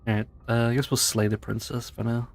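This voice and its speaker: A man's voice: medium pitch, little pitch movement, brisk. A man chatting casually as a co-player on a game stream, often hesitant and repeating his words. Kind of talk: casual chat during a game.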